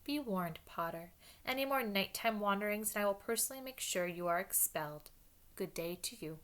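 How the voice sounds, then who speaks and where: A woman reading a storybook aloud and voicing a sneering male professor who speaks smoothly and threateningly. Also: mid-range voice, lively intonation, fairly quick, fairly bright tone, close to an everyday voice. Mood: menacing.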